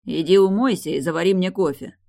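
A woman's voice: lowish voice, a little fast, creaky, mellow. A woman voicing a hungover, sardonic man who talks drily and mockingly, in an audiobook. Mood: grumbling. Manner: dry, mocking.

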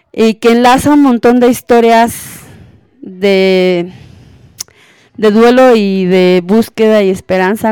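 A woman's voice: mid-range voice, clear, resonant tone, no room sound, clean studio sound. Chatty woman hosting a podcast. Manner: chatty, relaxed, with many fillers. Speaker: podcast host. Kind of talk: casual podcast talk.

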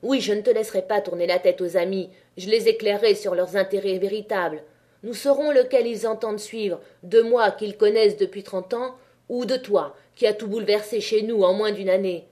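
A proud, bitter man who spits out heated accusations at a rival, voiced by a woman reading an audiobook. The voice stays mellow and dark under the anger. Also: mid-range voice, fairly even intonation, normal speed, lightly acted. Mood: angry. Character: angry rival male innkeeper, bitter and proud.

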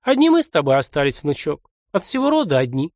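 A man's voice: fairly high pitch, wildly swooping pitch, fast talker, a little mellow, no echo, studio quality. A man reading aloud and voicing a tearful, fussing old village grandmother with a folksy, doting way of talking.

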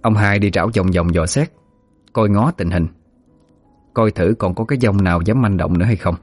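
Low-voiced man telling a ghost story. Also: normal speed, husky, dry recording, faint music behind. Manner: dramatic, vivid storytelling.

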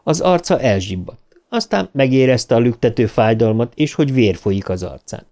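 A man reading an audiobook aloud in an expressive, dramatic narration style. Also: medium pitch.

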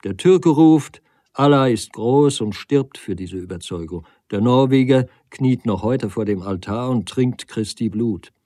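A man's voice: mid-range voice, animated, measured pace, mellow, no room sound, clean studio sound, pitched above the performer's own voice. A man reading the lines of an intense young man who argues with fervent conviction in a storybook. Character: intense young man, earnest wandering philosopher.

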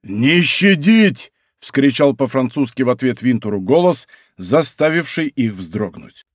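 A man narrating a historical adventure audiobook in an expressive, theatrical way. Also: mid-range voice, normal speed, no echo, studio quality.

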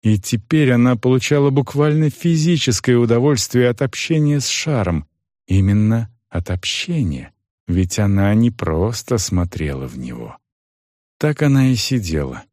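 A man's voice: mid-range voice, no room sound. Man narrating an audiobook, dry close sound. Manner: measured, expressive storytelling.

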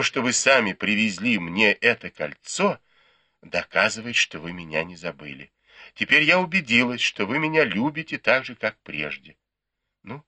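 A proud young lady with a sharp, teasing tongue, voiced by a male audiobook reader. Her lines leap around in pitch, bright and forceful. The sound is close and dry. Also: no echo, exaggerated voice. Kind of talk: audiobook character reading.

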